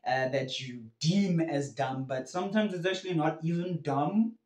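A man's voice: fairly high pitch, unhurried. A young man giving casual, chatty advice to students, often checking in with "right?". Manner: chatty, animated, full of "right?" and "you feel me?". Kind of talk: casual advice talk to camera. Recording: echoey room.

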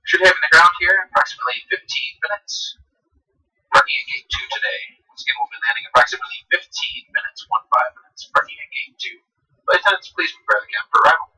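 A man, an airline pilot, giving a routine plane cabin announcement over the loudspeaker, measured with filler pauses. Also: high-pitched, very animated, slightly rough. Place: inside a passenger plane cabin. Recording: cabin loudspeaker heard from far off.

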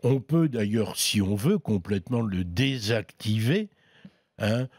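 A man's voice: fairly low pitch, animated, takes it slowly, darkish tone, no echo. A man chatting casually as a tech columnist, explaining products in an easygoing way with frequent hesitations. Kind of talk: casual product review chat.

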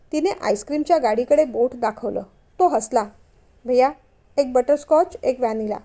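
A woman narrating a short love story, gently voicing the couple and other people in it. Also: high voice. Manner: gentle, voices both lovers and the ride operator.

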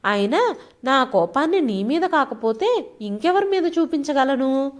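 A woman's voice: high voice, animated, unhurried, pitched above the performer's own voice. A woman voicing a short-tempered, irritable young husband in a storybook reading, scolding and then consoling his wife.

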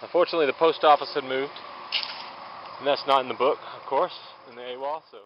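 Walking a forest trail, a thru-hiker films himself and talks fast in a steady, mid-range voice. It's casual handheld narration, rambling and relaxed, his thoughts spoken aloud, captured by dull lo-fi camera audio with faint outdoor sounds.

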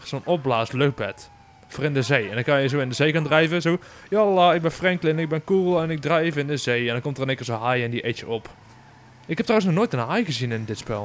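A young man with a Dutch accent giving casual gameplay commentary, excitable and swearing often, bursting into shrieks. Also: medium pitch. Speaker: gaming YouTuber.

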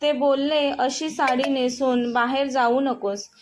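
A woman voicing a timid young wife who speaks slowly through tears. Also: sits high, fairly even intonation, slight background noise. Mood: tearful. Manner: sobbing, slow and small-voiced.

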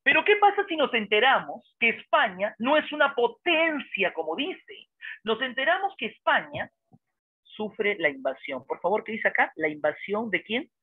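A man, a history teacher giving a lively lecture full of dramatic storytelling and rhetorical questions, heard over a tinny phone-like line. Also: extremely high pitch, normal speed, slightly rough, no room sound. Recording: dry, tinny phone-like sound.

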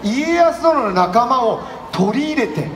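Man playing Hideyoshi, a high-pitched excitable old samurai. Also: slow pace, exaggerated voice. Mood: proud storytelling. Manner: animated, folksy old-man speech, projected. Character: excitable, self-deprecating grubby old samurai warlord. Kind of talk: live comic stage samurai performance. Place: festival stage at night. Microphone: headset through PA. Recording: echoey stage PA with background noise.

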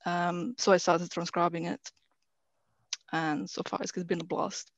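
Flat-pitched woman from Croatia, creaky voice. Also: a little slow. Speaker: archive transcriber, panelist. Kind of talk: conversational panel remarks. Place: indoors, on a video call. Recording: muffled, roomy video call.

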